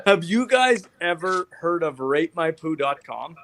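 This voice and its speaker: A man's voice: fairly high pitch, sing-song, measured pace, fairly bright tone. A man hosting a podcast, telling a story in casual chat and laughing often. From Canada. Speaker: podcast host.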